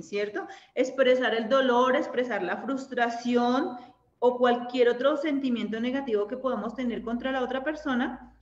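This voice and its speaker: A woman with a Colombian accent leading a women's Bible study, speaking conversationally and often checking in with her listeners. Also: a little high. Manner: conversational, ends points with tag questions. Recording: echoey room, dull lo-fi sound.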